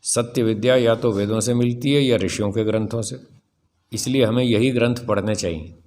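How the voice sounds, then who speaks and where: A man's voice: medium pitch, normal speed, darkish tone. A man in his sixties, a swami, giving a spiritual discourse in a firm, rhetorical manner and putting questions to his listeners. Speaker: swami teaching scripture.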